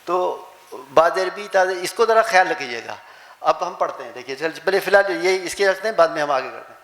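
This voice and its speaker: A man's voice: sits high, expressive, fairly bright tone. An older man teaching a classroom tajweed lesson, patiently drilling letter sounds. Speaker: Quran recitation teacher. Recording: echoey classroom with background noise.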